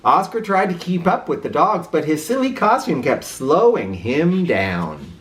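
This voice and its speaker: A woman reading a children's story aloud in a theatrical, expressive way, with an informal touch. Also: low-pitched, unhurried, slight background noise. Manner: theatrical, with informal asides to listeners.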